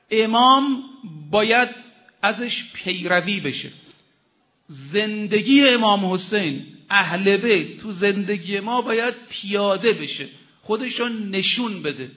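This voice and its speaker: A man preacher giving a sermon from the pulpit, telling stories dramatically with sudden rises and drops in his voice. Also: high voice. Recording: slightly dull lo-fi audio.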